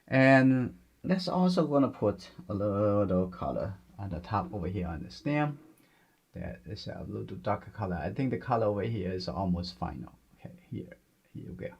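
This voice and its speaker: Gentle, low gravelly male painting instructor. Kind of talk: step-by-step painting demonstration, unscripted.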